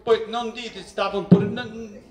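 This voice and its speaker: A man's voice: high voice, a little slow. Man in his sixties, humorous storyteller, roomy hall, far from the mic. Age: 60s. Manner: joking, lively storyteller who acts out voices in quotes. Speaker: professor giving a public talk. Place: event hall with seated audience. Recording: echoey hall, distant mic.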